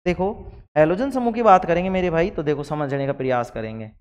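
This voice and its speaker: A male teacher with a high voice gives a classroom lecture. He fires questions at his students and answers them himself. His voice rings with a long reverb, as if he were recorded in a hall. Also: a little fast, smooth. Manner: voices imagined student replies.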